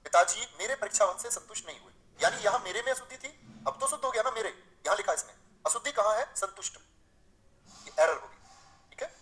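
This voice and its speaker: A man teaching a live online grammar class. He keeps asking his students rhetorical questions, reads example sentences aloud slowly before correcting them, and calls the students dear friends. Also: sits high, animated, sharp tone, poor audio.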